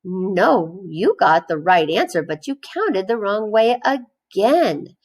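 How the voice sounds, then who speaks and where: A woman voicing a firm, persistent, exasperated female schoolteacher in a children's storybook, instructing with drawn-out emphasis. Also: mid-range voice, big pitch swings, husky, exaggerated voice.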